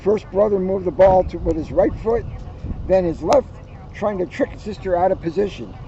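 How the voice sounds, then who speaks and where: A police officer with a high male voice reads a children's storybook aloud at a normal pace, warm in tone and adding joking asides. The recording is muffled and made outdoors, with ambient noise and cars passing.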